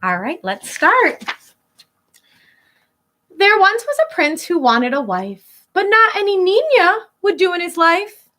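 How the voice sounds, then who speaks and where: A schoolteacher with an extremely high-pitched voice reads a picture book aloud to children. She is expressive and instructive, drawing out key words and pausing to explain things.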